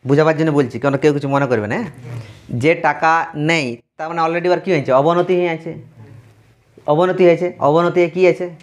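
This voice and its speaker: A man from teaches a math class, and his voice sits a little higher than most men's. He speaks straight to his students, going over each key term again and again. He keeps asking them questions and then answering them himself.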